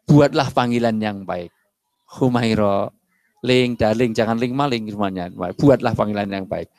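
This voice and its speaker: A middle-aged male preacher, giving a lively sermon and acting out little dialogues. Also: lowish voice, normal speed, dry recording. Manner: animated, acts out dialogues and jokes with the audience. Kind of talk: lively sermon to a mosque congregation.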